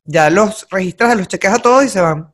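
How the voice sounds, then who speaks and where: A woman, co-hosting a casual talk show and telling anecdotes in a lively, slangy, teasing way. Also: medium pitch, a little fast, a little hiss or hum. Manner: animated storyteller, slangy and teasing. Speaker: podcast co-host. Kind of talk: casual chat.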